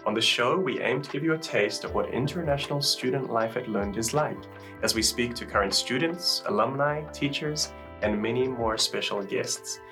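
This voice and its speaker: A man's voice: medium pitch, normal speed, music in the background, low-quality recording. A man hosting a university podcast in a studio, introducing the show and asking guests upbeat questions. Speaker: podcast host. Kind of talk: scripted podcast intro and interview.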